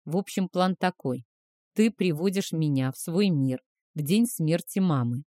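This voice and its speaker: A woman voicing a calm, commanding clan man. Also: low voice, measured pace, no room sound, studio quality. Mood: calm, planning. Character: adult male clan leader, tender, commanding.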